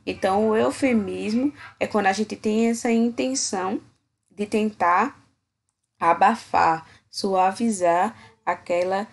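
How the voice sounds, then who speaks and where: A young woman teacher walks her students through a grammar lesson. Her voice is breathy and soft-edged at a medium pitch. She talks slowly and patiently, pausing often to check that everyone follows. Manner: slow, patient, checks in with "certo?".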